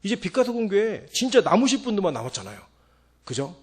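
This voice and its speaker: A pastor preaches fast and animatedly in a high, lively voice that swings widely in pitch and carries a breathy edge. He acts out the voices of those he quotes as he goes.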